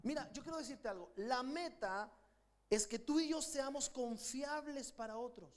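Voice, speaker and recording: In a church sanctuary, a middle-aged man with a Chilean accent delivers a fervent sermon at normal speed, his voice extremely high. He urges the congregation to repeat after him.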